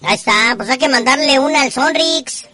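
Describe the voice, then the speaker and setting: A woman's voice: sits high, a little fast, bright, forceful tone, no echo, soft background music. A woman with a northern Mexican accent hosting a call-in show in slangy, teasing, profane casual chat.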